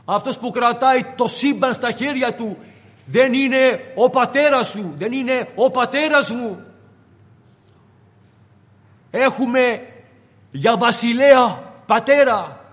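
Male preacher, high voice, theatrical delivery, long hall reverb. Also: long pauses, a bit bright. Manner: dramatic, acts out voices of biblical figures. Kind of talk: sermon.

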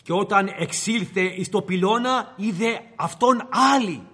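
A man's voice: high-pitched, fairly bright tone, slightly rough, big-room sound. A man preaching a sermon, retelling the story dramatically and addressing the congregation directly.

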